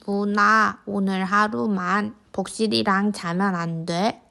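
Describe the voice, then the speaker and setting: Woman as a daydreaming little boy, unhurried storybook voice. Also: mid-range voice, fairly even intonation, vocal fry, pushed and bright, exaggerated voice. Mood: pleading. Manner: childlike, simple storybook delivery for toddlers. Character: imaginative little boy envying his big sister's puppy. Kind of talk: picture book read aloud to young children. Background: background music.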